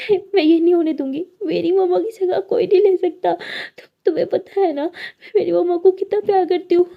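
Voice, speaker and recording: A woman voicing a distraught young woman who shouts through tears about her mother. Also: lo-fi sound, natural voice. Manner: high, loud, tearful outbursts.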